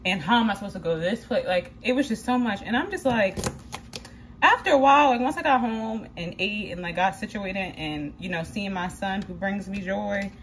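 A woman's voice: medium pitch, moderate pace, a little hiss or hum. Chatty young woman venting in a kitchen. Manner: candid and chatty, venting with lots of "like" and casual swearing. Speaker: vlogger. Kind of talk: casual vlog chat while cooking. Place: home kitchen.

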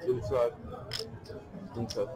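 A man's voice: medium pitch, level tone, slow pace. A man chatting casually as a player at a craps table. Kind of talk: casual chat. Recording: music playing behind the voice.

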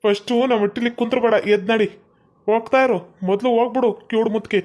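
A woman's voice: fairly high pitch, fairly even intonation, fast talker, a little mellow, natural voice. A woman playing a short-tempered young husband in a comic family skit, with a North Karnataka Kannada accent and snappy, exasperated scolding.

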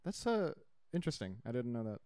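Fast-talking man in casual podcast chat. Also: medium pitch, smooth, no echo, studio quality. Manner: animated, swearing, heated when arguing. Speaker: podcast co-host.

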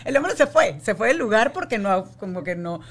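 A woman's voice: medium pitch, very animated, normal speed. A woman hosting a podcast, chatting and affirming her guest. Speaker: podcast host. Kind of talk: casual interview chat.

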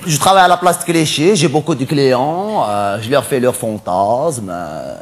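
A male comedian on stage playing a flamboyant, cross-dressing cabaret dancer in a stand-up character monologue, camp and theatrical, quick to snap at the audience. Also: medium pitch, expressive, lightly acted. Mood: camp chatty.

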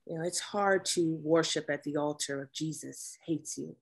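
Reading for a drama, a woman takes the part of a guarded Navy officer with a masculine presentation, speaking dryly and with measured pacing. The voice she uses is low, gravelly, husky and exaggerated, and the mood is reflective.

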